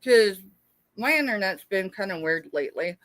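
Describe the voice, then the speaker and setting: Born in Texas, this middle-aged American woman runs a casual live sale as a small seller, speaking at a normal speed in a mid-range, slightly bright voice with lively intonation. In a dry recording, she chats familiarly and rambles on with her viewers.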